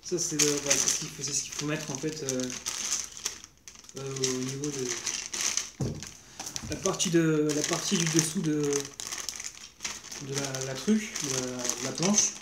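A young vlogger gives casual unboxing commentary in a hesitant, rambling way, stopping often to hunt for the right word. The room sounds roomy and echoey. Steady background noise and crinkling packaging sit clearly behind the voice. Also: medium pitch, unhurried, pauses often. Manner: hesitant, rambling, searching for words.

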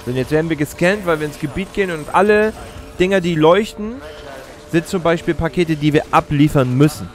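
With faint music playing behind him, a man in his thirties hosts a let's play from his indoor streaming setup, chatting and explaining the gameplay. His voice runs on the high side, briskly and with lively intonation, captured by a close mic at his gaming chair.

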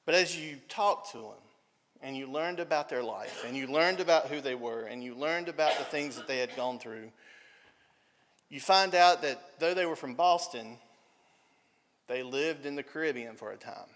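A man's voice: medium pitch, moderate pace, fairly bright tone. A middle-aged man with a Southern accent, preaching an earnest sermon full of stories and repeated phrases for emphasis. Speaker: pastor. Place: church sanctuary. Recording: long church hall reverb.

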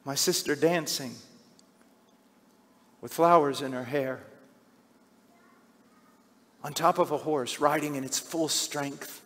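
A middle-aged man preaching a sermon, swinging from hushed, slow passages to loud, shouted cries. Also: a little high. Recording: long hall reverb.

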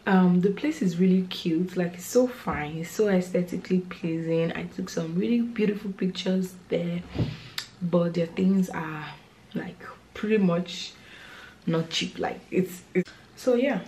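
A woman's voice: fairly low pitch, unhurried, dark tone. A young Nigerian woman in her twenties chatting casually to camera at home as a vlogger, rambling with lots of fillers. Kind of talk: casual vlog chat to camera. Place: bedroom and kitchen at home, indoors. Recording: echoey room with background noise.

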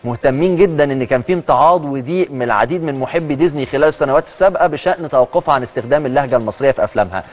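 Man, Egyptian accent, TV news presenter, quick delivery, faint music underneath. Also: mid-range voice. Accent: Egyptian Arabic. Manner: chatty, emphatic commentary between read-out news. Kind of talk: social media news segment. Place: TV studio.

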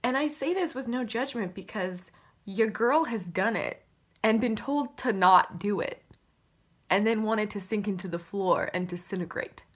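A woman's voice: mid-range voice, a little slow. A woman hosting her own channel, giving acting advice in a chatty, joking, self-mocking way. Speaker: acting coach YouTuber. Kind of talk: casual vlog-style acting advice.

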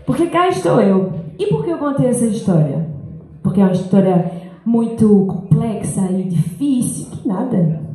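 Young woman reading her talk off paper, earnest, dark mellow voice, big booming school hall echo. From Brazil and France. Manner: earnest, reflective, reads from paper. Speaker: speaker giving a school talk. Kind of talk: reading a personal talk aloud. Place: large school hall, indoors. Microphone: handheld mic. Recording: very echoey hall.

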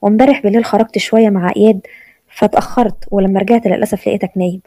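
A woman's voice: mid-range voice, fairly even intonation, very fast, warm tone, no echo, lightly acted. A woman with an Egyptian accent voicing a cold, proud young male professor with a dismissive way of talking. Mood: apologetic. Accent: Egyptian Arabic. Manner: dismissive, bitter.

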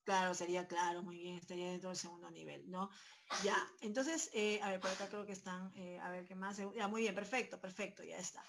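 A woman's voice: on the low side, steady tone, a little fast, gravelly, noisy background. A woman with a Peruvian Spanish accent teaching a civics class online from home, checking in with her students through constant tag questions. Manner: talks to students with many tag questions and fillers. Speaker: pre-university civics teacher. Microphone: headset.

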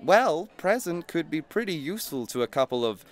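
A male actor voices a mocking, slick-talking rich businessman driven by greed and cynicism for a scripted audio drama. His pitch sits a little high and moves in big swings, his pace is moderate, and he oozes slick persuasion.

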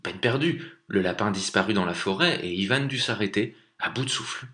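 A man reading a folk tale aloud as a storyteller, with expressive, lively narration. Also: on the low side, fairly quick.

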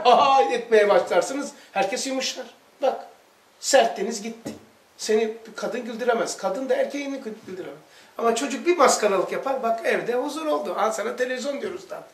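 A male religious teacher giving a lively storytelling lesson, acting out the dialogue himself. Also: high-pitched. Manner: animated, acts out dialogue in quotes. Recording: echoey room from far off.

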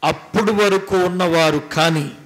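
A man's voice: sits high, a little slow, fairly bright tone. A man preaching a sermon as pastor, emphatic and repetitive in his delivery.

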